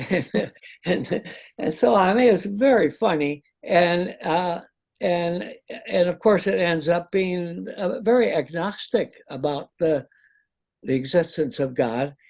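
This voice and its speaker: Halting, wry man leading a seminar. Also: high-pitched, gravelly, a little mellow. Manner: halting and wry, many restarts. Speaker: discussion leader.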